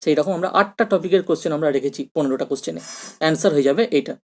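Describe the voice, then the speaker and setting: A man's voice: fairly high pitch, rapid-fire. A man with a Bengali accent teaching an online exam-prep lesson, addressing students directly and spelling out English words letter by letter.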